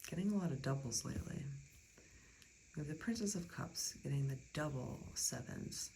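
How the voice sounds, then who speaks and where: Gravelly tarot reader, chatty and soft. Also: medium pitch, lively intonation, moderate pace, a little hiss or hum, low-quality recording. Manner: chatty, reassuring, drifts into soft whispers. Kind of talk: casual tarot reading.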